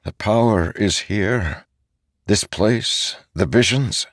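A man plays a battle-hardened warlord in an audiobook, pressing his point with forceful, urgent questions. The voice sits deep and low, and the recording is dry. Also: slow pace, dry recording. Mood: searching.

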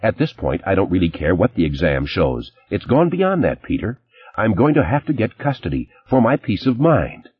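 A man reading an audiobook, voicing a sharp, image-conscious ex-wife who scolds in a clipped, indignant way. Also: low-pitched, wildly swooping pitch, moderate pace, breathy edge, highs cut off, heavily acted. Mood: stern.

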